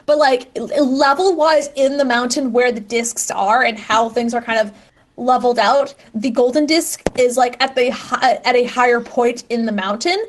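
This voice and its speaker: Higher-voiced woman running a tabletop game. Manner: halting, thinking aloud, rephrasing often. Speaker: game master. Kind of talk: casual improvised tabletop game narration.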